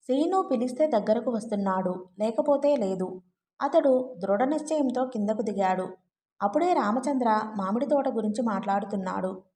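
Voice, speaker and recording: A woman narrating a family novel as an audiobook in a steady, even storytelling manner. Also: on the high side, normal speed. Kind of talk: scripted narration.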